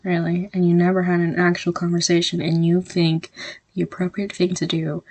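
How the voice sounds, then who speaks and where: A brash young female classmate , played by a woman, tears into someone in this audio role-play. She is blunt and foul-mouthed, with a husky, breathy edge to her voice. The recording is dry and close, with no room sound. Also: on the low side, monotone, moderate pace, a little mellow, no room sound, close to an everyday voice. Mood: incredulous. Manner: blunt, swearing, confrontational. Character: abrasive young woman college classmate, confrontational.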